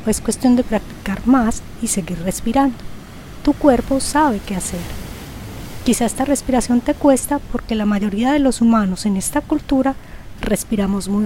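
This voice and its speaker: A woman hosting a guided breathing exercise, counting breaths slowly in soft, measured, falling tones. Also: a little high, a little hiss or hum, rough recording. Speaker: host of a guided breathing show.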